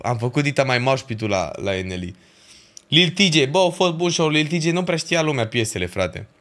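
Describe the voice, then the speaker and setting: A young man, chatting casually on a livestream and ranking festival shows, full of slang and swearing. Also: medium pitch. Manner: animated ranting with slang and swearing.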